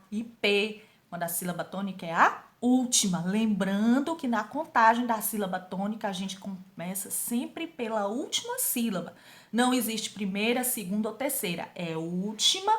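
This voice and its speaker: A woman teacher with a Brazilian Portuguese accent, reviewing grammar for sixth graders and stretching out key words as she quizzes them. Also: mid-range voice. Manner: slow, drawn-out emphasis on key words, quizzing students.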